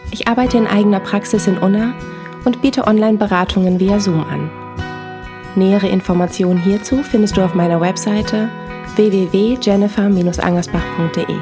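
A woman who is a couples therapist, hosting her podcast in calm, reflective scripted narration with gentle humor. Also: mid-range voice.

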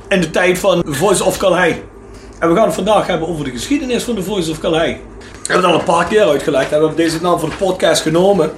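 Man, podcast co-host, teasing, somewhat high voice, light background hiss. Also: roomy sound. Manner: joking, teasing, reads plugs briskly. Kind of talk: casual podcast chat and sponsor reads. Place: studio table with guests.

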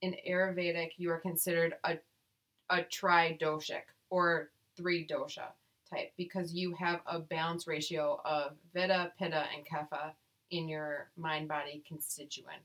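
A woman with a fairly low voice co-hosts a podcast in casual chat. She reads text aloud and breaks off into playful, cursing jokes. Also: little pitch movement, measured pace, a bit bright. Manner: playful, profane, jokey asides. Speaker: podcast co-host.

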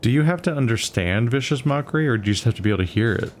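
A man with a mid-range voice sits in on a tabletop game and drops quick joking asides. Faint noise hums behind him. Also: mid-range voice, animated. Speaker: player. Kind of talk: casual tabletop game play.

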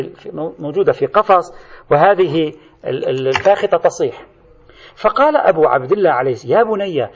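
A man lecturing as a religious scholar on jurisprudence, reading out old narrations and explaining them in plainer words. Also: sits high. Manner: explanatory, restates quoted texts in plain words. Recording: dull lo-fi recording.

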